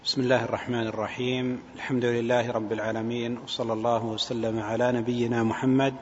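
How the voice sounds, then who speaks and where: Man, religious lecture, measured hesitant phrasing, long hall reverb, dull recording. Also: mid-range voice, level tone. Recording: dull, echoing hall, faint noise.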